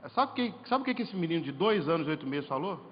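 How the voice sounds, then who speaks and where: A man's voice: a little high, quick pace. Preacher man telling a testimony. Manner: storytelling, animated, jokes and rhetorical questions. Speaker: preacher at a men's congress. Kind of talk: sermon with personal testimony. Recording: lo-fi hall recording with faint noise.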